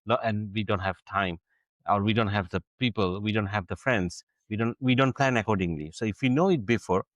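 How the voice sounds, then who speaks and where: An earnest podcast co-host, a man who circles back over his words with repetitions and restarts. His voice is fairly low, heard dry and close to the mic. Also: a little fast, no room sound, lo-fi sound. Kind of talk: conversational interview.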